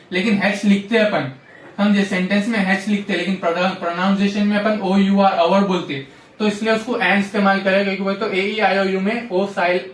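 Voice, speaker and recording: A man teaching a grammar lesson, repeating rules and checking often that students understand. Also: high voice. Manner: repetitive, drills rules with frequent "samjhe?" check-ins. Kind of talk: classroom-style grammar lesson. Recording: echoey room, voice from a distance.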